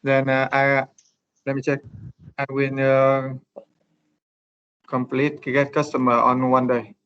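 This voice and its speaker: Halting man on a bad call connection. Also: medium pitch, completely flat delivery, a bit bright, clear, resonant tone. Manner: halting, many fillers and restarts. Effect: bad, slow call connection. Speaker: software developer. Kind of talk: online work meeting. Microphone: video call. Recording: dull lo-fi call audio.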